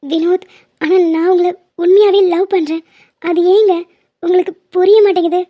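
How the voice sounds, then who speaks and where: A woman's voice: extremely high pitch, steady tone, moderate pace, dull audio. A woman voicing a young woman obsessed with love in a cartoon, pleading and insistent.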